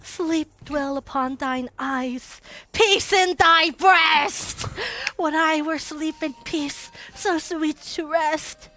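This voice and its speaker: A woman playing a lovestruck, dreamy young man in a theatrical Shakespeare reading, speaking in a measured, yearning manner. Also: high-pitched, steady tone, bright, forceful tone, exaggerated voice. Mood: tender.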